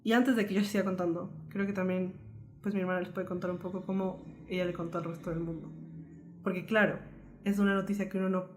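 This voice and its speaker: A young woman from Colombia earnestly telling a painful personal story as a podcast co-host, in a lively, flowing way. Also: on the low side, fast talker.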